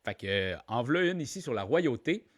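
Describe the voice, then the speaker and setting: A man's voice: mid-range voice, very animated, normal speed, fairly bright tone. A man with a Québécois accent hosting a live online trivia game, playful and joking, repeating each question aloud and calling out players. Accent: Québécois French. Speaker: trivia quiz host.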